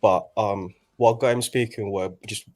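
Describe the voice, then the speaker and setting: A young man in his twenties, from Nigeria, speaking in a fairly low voice. He talks casually and haltingly, restarting phrases as he works out his thoughts in a group conversation. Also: fairly even intonation, darkish tone. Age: 20s. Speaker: guest in a group chat. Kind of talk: casual chat.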